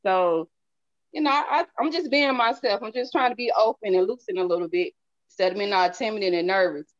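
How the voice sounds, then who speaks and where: A woman from the southern United States, speaking with a Southern accent, chats casually and candidly as an interview guest who sells a product. Her testimonial is folksy, with phrases repeated for emphasis, delivered at a medium pitch and fairly quick pace. The audio is dull and lo-fi.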